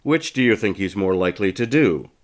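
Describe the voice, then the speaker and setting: A man's voice: on the low side, expressive, a little fast, lightly acted. A man reading an audiobook as a terse male captain, curt and matter-of-fact.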